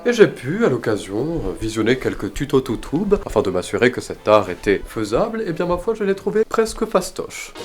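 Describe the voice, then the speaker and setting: A man's voice: medium pitch, darkish tone. Theatrical mock-pompous young man. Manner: mock-pompous, theatrical old-fashioned French. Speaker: YouTuber host. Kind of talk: comedic vlog narration in costume. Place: castle grounds and rooms.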